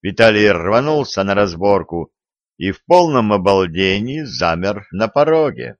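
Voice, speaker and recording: Slow-reading male audiobook narrator. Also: fairly low pitch, big pitch swings, no echo, highs cut off.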